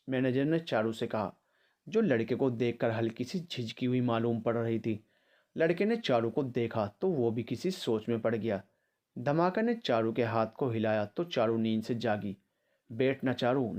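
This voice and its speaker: A man's voice: mid-range voice, darkish tone. Man reading a family story aloud. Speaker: narrator. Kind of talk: scripted story narration.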